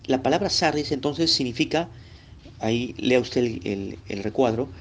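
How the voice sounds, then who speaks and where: A man from Lima, Peru, speaking with a Lima Peruvian Spanish accent, teaches a recorded Bible lesson in a conversational, animated way at normal speed. His voice sits at medium pitch, and he addresses the listener directly, often checking in with short tag questions. Slight background noise is present.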